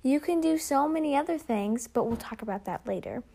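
A woman's voice: high voice, expressive, brisk, dark tone. A teenage girl co-hosting a casual podcast, rambling and giggly with lots of fillers and restarts, recorded on a phone. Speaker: podcast co-host. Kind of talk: casual chat.

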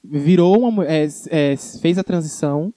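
A Brazilian co-host chatting casually about the news, in an informal, halting way and stumbling over long words. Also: mid-range voice, mellow, no echo. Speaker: show co-host. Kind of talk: casual chat about news hits and flops.

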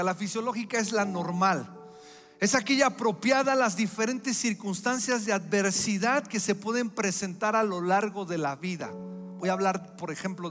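A man's voice: high-pitched, fairly bright tone. A middle-aged man preaching a sermon, with an emphatic, repetitive cadence. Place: church hall. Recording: echoey hall with faint music.

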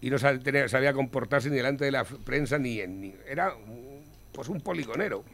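A man's voice: medium pitch, fairly quick, gravelly, a bit bright. A man with a Spanish accent from Spain hosting a talk show, speaking bluntly and scornfully. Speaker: host.

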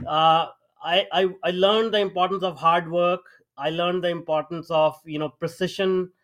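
A middle-aged AI founder from India, speaking with an Indian accent, tells his life story as a podcast guest, full of fillers and restarts. His voice sits high and fairly bright, with a steady tone and moderate pace.

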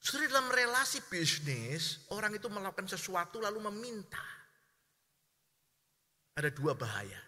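Animated male preacher in a reverberant hall. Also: high voice, moderate pace, long pauses. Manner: animated, acts out quoted voices, addresses congregation as saudara. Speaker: pastor. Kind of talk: sermon.

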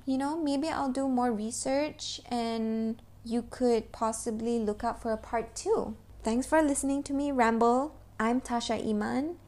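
A woman's voice: on the high side, fairly even intonation, a little slow, few pauses, a little mellow. A young woman hosting a solo podcast, rambling casually and bluntly with frequent swearing. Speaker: podcast host.

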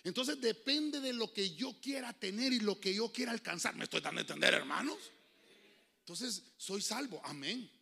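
A man preaching a sermon as a pastor in a church, shifting from fiery outbursts to quiet asides and speaking to the congregation as brothers. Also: high voice, animated, moderate pace, gravelly, husky. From Honduras.

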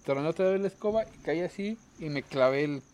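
A man's voice: on the high side, animated, brisk, a little mellow. A young man with a Mexican accent, telling childhood stories in a slangy casual chat, laughing at his own tales. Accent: Mexican Spanish. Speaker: podcast co-host.

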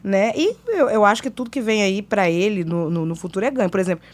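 A Brazilian woman around her forties, an interview guest telling emotional stories, animated and acting out the voices of people she quotes. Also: mid-range voice, quick pace. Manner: animated, acts out quoted dialogue, frequent restarts. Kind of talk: emotional conversational storytelling.

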